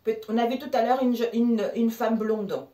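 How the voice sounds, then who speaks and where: Une femme à l'africain francophone qui fait un tirage de tarot en direct, bavarde et animée, s'adressant à ses amis spectateurs. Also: female voice, on the high side, moderate pace, roomy sound, distant mic. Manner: animated, laughs often, addresses viewers as friends. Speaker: tarot card reader. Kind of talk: live tarot reading chat.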